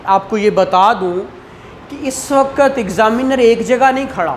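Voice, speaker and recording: Speaking a little slowly in a slightly high voice, a woman with a Pakistani accent gives a classroom law lecture meant to explain. Her speech mixes Urdu and English legal terms and is dotted with short tag questions checking on students, in a clearly noisy room recording.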